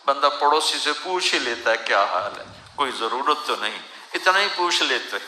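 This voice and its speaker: A man's voice: mid-range voice, expressive, sharp tone, roomy sound, slight background noise, rough recording. A man preaching an emotional sermon, weeping as he speaks, in a pleading, lamenting way. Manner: tearful, pleading, recites verse in a rising lament.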